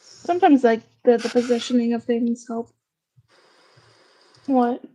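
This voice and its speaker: A woman chatting casually beside a streamer, rambling and teasing in a relaxed way. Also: a little high, unhurried. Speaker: family member on stream. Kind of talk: casual chat.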